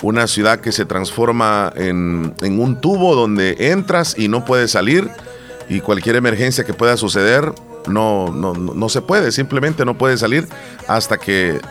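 A man co-hosting a casual talk show, telling a story with lively quoted lines and frequent restarts. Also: lowish voice, unhurried, soft background music. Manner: animated storytelling, acts out quotes, many restarts. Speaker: co-host. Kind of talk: casual chat.

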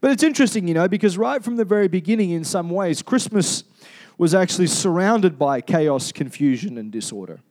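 Australian male preacher, slightly raised pitch, casual and conversational, keeps asking the congregation questions. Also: animated, brisk, darkish tone. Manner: chatty, asks the congregation questions, many fillers and restarts. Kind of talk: conversational sermon.

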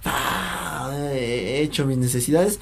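A young man co-hosting a podcast, telling childhood stories in a joking, slangy, animated way. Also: mid-range voice, slow, vocal fry. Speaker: podcast co-host. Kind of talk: casual chat.

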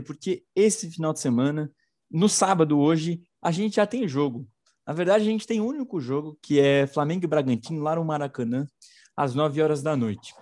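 A man's voice: a little high, darkish tone. A man co-hosting an informal political news show, slangy and sarcastic.

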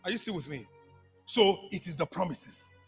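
A man preaches in a high, animated voice that leaps about in pitch. His tone is bright and a little husky, and he repeats lines for the congregation, dropping to a hush, then rising to a shout. Soft music plays underneath. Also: normal speed. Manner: call-and-response preaching, repeats phrases, swings from hushed to shouting. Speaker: apostle preaching. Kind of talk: sermon.

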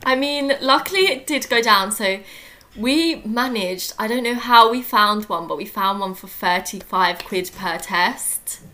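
A woman's voice: mid-range voice, unhurried, pushed and bright. A young adult woman co-hosting a podcast, chatting casually with lots of fillers and frequent laughs. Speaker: podcast co-host. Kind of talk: casual chat.

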